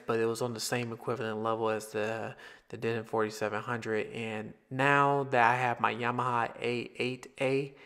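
A man's voice: medium pitch, fairly bright tone, clear, resonant tone. A man talking casually through a speaker unboxing, rambling, repeating himself and restarting phrases. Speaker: tech reviewer.

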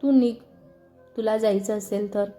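A woman's voice: mid-range voice, steady tone, measured pace, mellow, soft background music, lightly acted. A woman voicing a quarrelsome young man who taunts and calls names in a storybook reading. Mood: taunting. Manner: taunting, name-calling.

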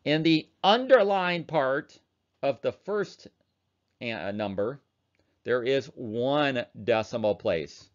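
Working calculator problems during an online chemistry class, the male instructor chats casually. His mid-range voice carries lively intonation, and he takes it slowly, all on a dull, lo-fi recording.

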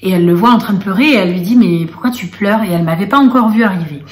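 A woman's voice: medium pitch, rapid-fire, echoey room. A woman and mother telling a personal story to a face cam, with many hesitations and quoted dialogue. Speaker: vlogger and mother. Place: indoor room. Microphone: camera mic.

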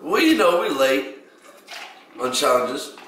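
A man's voice: fairly high pitch, big pitch swings, slow, a bit bright. A man in a casual vlog, groaning and reacting while eating very spicy food. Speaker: vlogger taking a spicy chip challenge. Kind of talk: casual chat. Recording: echoey room with background noise.

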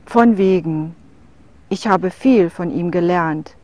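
A woman voicing a grieving woman in a storybook tale who defends her wolf, speaking quietly and with hurt. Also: on the low side, slow pace. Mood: defiant.

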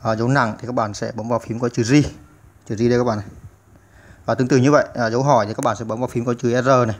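A man's voice: medium pitch, level tone, racing. A man hosting a computer typing tutorial, explaining step by step with many "à" fillers. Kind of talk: step-by-step screen-recorded tutorial.

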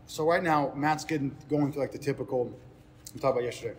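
In his thirties, this head baseball coach gives earnest, unscripted explanations in a press interview, frequently repeating phrases to stress a point. His mid-range voice stays fairly even in intonation and moves at a quick pace, with ambient noise audible behind him.

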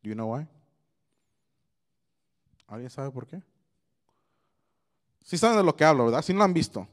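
Animated bilingual man preaching to youth. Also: a little high, measured pace. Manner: switches between Spanish and English, animated storytelling. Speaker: youth pastor.

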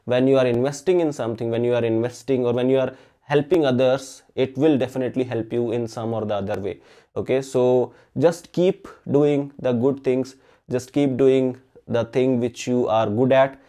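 Warm and steady, this young chemistry channel host speaks at a moderate pace in a medium pitch; his first language is Hindi. Facing the camera at mid framing in an indoor room decorated with balloons, he talks casually and earnestly, checking in with frequent "okay?" tags and fillers.

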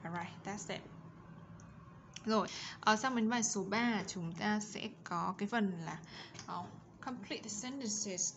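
A woman teacher giving a bilingual grammar lesson, reading English examples slowly and carefully and explaining them quickly in between. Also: mid-range voice, lo-fi sound, background noise.

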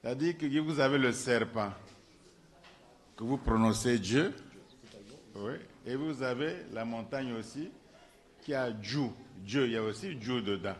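A professor patiently explains a point at a conference, circling back to restate the key idea several times. His voice is mid-pitched for a man. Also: unhurried, pauses often. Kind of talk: explanatory lecture.

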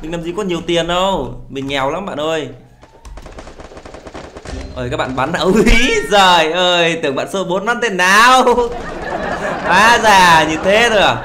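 A young man with a high voice, chatting casually as he plays. He whines, pleads and pokes fun at himself in a playful way. A faint hiss of background noise sits under the voice. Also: moderate pace, pushed and bright, some chatter behind. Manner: whiny, pleading, playfully self-pitying banter. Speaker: gaming channel host. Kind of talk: casual live commentary while playing.

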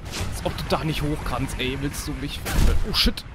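A man commentating his own gameplay, yelping, swearing and shouting orders at the game character. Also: on the high side, normal speed, very noisy. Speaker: let's play host.

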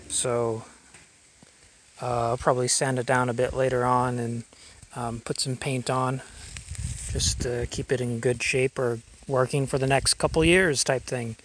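A man's voice: medium pitch, a bit bright. Rambling man vlogging outdoors. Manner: rambling, filler-heavy, thinking aloud. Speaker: vlogger showing a fuel tank. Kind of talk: casual outdoor vlog narration. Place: outdoors in a grassy yard. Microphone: handheld camera mic.

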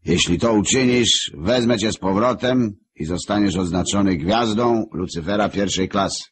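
A man voicing a tyrannical male lord of hell in an audiobook, with a husky voice and slow, commanding pronouncements. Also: lowish voice, a little hiss or hum, pitched above the performer's own voice, close to an everyday voice. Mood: stern.

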